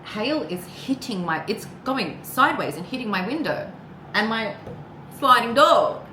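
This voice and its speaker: A tarot card reader gives a loose, wandering reading full of personal asides and the occasional swear word. Her voice sits a little high, with lively intonation, an unhurried pace and a sharp edge. The room echoes, and background noise is plainly audible.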